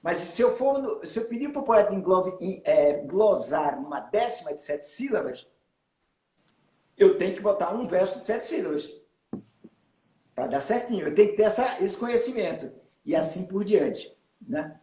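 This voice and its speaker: A man's voice: high voice, animated, normal speed, warm tone. A man, explaining folk poetry in an interview, in a teaching manner with frequent tag questions. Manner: didactic, often adds tag questions. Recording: roomy echo.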